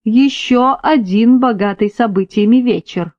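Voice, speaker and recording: A woman reading the lines of a calm male amateur detective, dry and laconic, in a plain, lightly acted voice. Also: mid-range voice, moderate pace, lo-fi sound, natural voice. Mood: dry, detached. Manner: detached, laconic.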